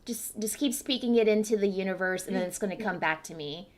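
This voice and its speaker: A young woman with a medium-pitched voice hosts a casual interview. She is informal and encouraging, speaking into a computer mic on a video call. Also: brisk. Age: young adult. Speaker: interviewer, host. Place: indoors before a cloth backdrop.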